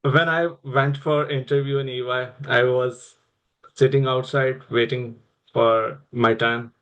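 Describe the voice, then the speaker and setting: Young Pakistani man with an even tone. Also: medium pitch, unhurried, muffled recording. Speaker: interview guest. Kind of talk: personal career storytelling in conversation.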